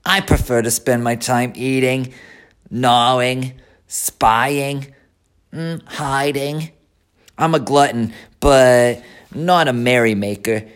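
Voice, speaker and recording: A man's voice: medium pitch, slow pace, clean tone, voice pushed up, lightly acted. A man voicing a sour, gluttonous male rat who speaks with disdain.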